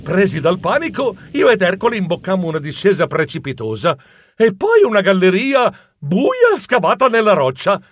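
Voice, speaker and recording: Male audiobook narrator, very lively, comic delivery, dry close sound. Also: high voice, normal speed, no room sound. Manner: animated, comic and expressive.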